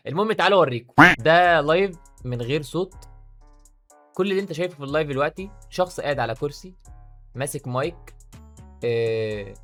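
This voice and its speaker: A man with an Egyptian accent, talking excitedly in a casual commentary vlog. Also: a little high. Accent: Egyptian Arabic. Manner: excitable, rapid-fire talk. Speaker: YouTuber.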